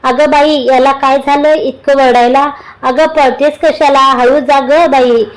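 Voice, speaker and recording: Woman doing a fussy old mother-in-law, scolds but caring, high voice. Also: steady tone, a little slow. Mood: fussing.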